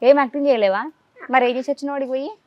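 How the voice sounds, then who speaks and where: Fast-talking woman interviewer. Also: sits high. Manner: coaxing, rapid-fire questions. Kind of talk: casual interview with a child. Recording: dull lo-fi dry sound.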